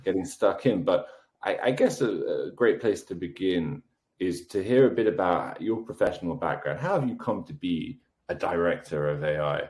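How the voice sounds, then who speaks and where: A man's voice: low-pitched, expressive, normal speed, darkish tone. A man hosting a podcast, friendly and enthusiastic as he talks with his guest. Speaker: podcast host. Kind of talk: casual podcast interview. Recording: roomy echo.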